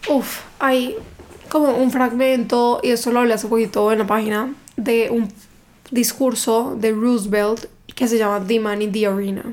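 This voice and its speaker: A woman, a book content creator telling stories in a casual interview, emphatic and animated. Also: fairly high pitch, moderate pace. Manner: animated, emphatic storytelling with reported dialogue.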